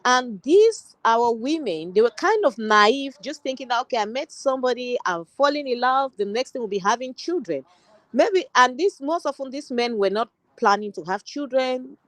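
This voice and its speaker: A woman's voice: on the high side, expressive, moderate pace, no echo, low-quality recording. A woman from Cameroon, a social worker and guest on an online panel, speaking earnestly and steadily with frequent restarts.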